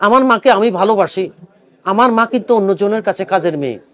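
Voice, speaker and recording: A man's voice: high-pitched, lively intonation, fast talker, a bit bright, no echo. An older man, a poet, talking earnestly about his book and then reciting his own poem. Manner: earnest, pleading; mixes English words into speech. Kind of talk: speaking to camera at a book fair; poetry recitation.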